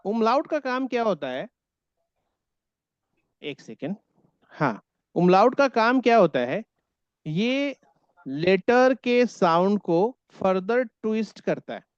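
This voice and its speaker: A man gives a slow, patient German lesson over a video call and repeats each word for his students to echo back. His voice comes through dull and lo-fi, with dry sound and no room echo. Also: high-pitched, expressive, smooth. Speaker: German language teacher. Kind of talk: online class lecture.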